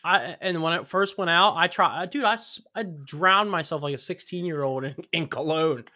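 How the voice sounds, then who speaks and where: A man's voice: on the high side, normal speed, bright, forceful tone. A man chatting casually on a podcast, rambling and repeating himself as he talks about losing his sense of smell. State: recovering from covid, no smell. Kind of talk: casual chat.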